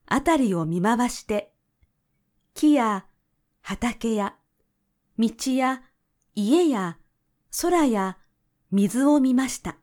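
Woman storyteller reading a children's tale, unhurried and gentle, voice sitting a little high. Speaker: narrator. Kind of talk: storybook narration.

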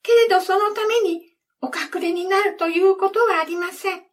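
A woman's voice: very high voice, fairly even intonation, normal speed. A woman voicing a young fairy who speaks with earnest, formal reassurance, recorded from a distance. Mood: reassuring. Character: young fairy, gentle but firm. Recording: distant from the mic.

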